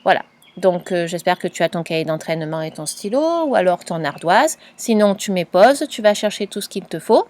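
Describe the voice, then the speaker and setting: A woman teacher giving a patient, clearly spoken dictation lesson to a young pupil, spelling out letters and sounds. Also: lowish voice, expressive, normal speed, darkish tone. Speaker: primary school teacher.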